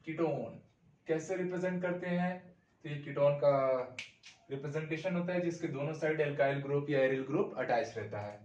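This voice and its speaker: High-voiced man teaching chemistry in an echoey room. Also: moderate pace, darkish tone, far from the mic, dull audio. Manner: explains step by step, often calls out "dear students". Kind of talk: classroom lecture at a board.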